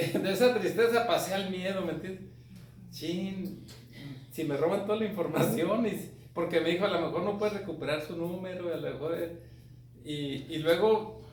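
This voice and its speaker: A man with a Mexican accent talks casually and swears freely, often asking if his listeners follow him. His voice sits fairly high. The recording is distant and echoey, with faint background noise. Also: a bit bright. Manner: profane, colloquial, often asks "me entiendes". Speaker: speaker on grief. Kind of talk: casual talk.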